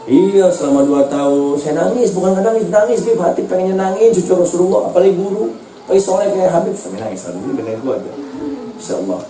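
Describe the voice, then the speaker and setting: A humble, grateful male student pleads earnestly with his teacher, as a preacher puts him on in a sermon. His voice is raised higher than the preacher's own. It rings through a roomy hall from a distant mic. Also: expressive, fast, mellow, a little hiss or hum.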